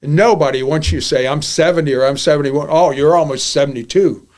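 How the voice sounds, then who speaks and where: A man in his seventies hosts a podcast, giving a casual monologue that is candid, blunt and often repetitive. His voice sits on the high side, brisk and a little mellow.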